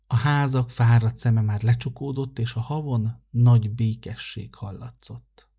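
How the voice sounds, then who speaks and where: Husky man reading a children's story. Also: medium pitch, dull audio. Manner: calm, measured narration. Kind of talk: read-aloud children's story.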